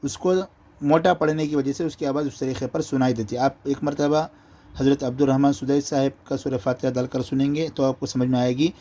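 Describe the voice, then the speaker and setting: A man teaching Quran reading, explaining letter pronunciation and drawing out each letter slowly to demonstrate. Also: medium pitch, level tone, warm tone. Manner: slow, drawn-out letter demonstrations between explanations.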